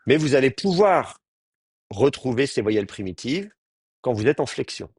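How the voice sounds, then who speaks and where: A man's voice: medium pitch, big pitch swings, normal speed, darkish tone, slightly rough, dry recording. A man teaching a grammar class, explaining patiently and often restarting his sentences. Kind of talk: Hebrew grammar lecture.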